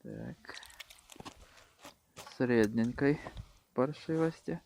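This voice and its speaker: A man talks casually to viewers while fishing outdoors. His delivery is slow, in short muttered remarks at a medium pitch. Faint wind and open-air noise sit on the microphone. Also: wildly swooping pitch, vocal fry, a little mellow. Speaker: angler filming own fishing vlog.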